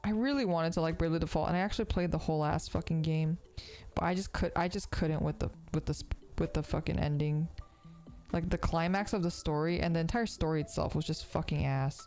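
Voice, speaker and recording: A woman in her thirties streams while crafting, chatting casually in a low, darkish voice that's a little fast. She sounds sniffly and congested, rambling with lots of fillers and swearing, with soft music in the background.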